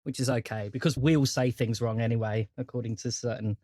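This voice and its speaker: A man with a mid-range, warm voice speaks fairly quickly and with fairly even intonation, recorded at studio quality with no room sound. He's the host and game master of a tabletop role-playing podcast, casually chatting as he introduces and recaps a game in a jokey, teasing way.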